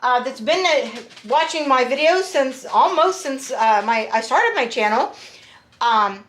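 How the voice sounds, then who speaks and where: High-voiced gushing woman vlogger. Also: animated, unhurried, a bit bright, poor audio. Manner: gushing, chatty, addresses viewers as guys. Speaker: unboxing vlogger. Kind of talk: casual unboxing chat to viewers. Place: home kitchen.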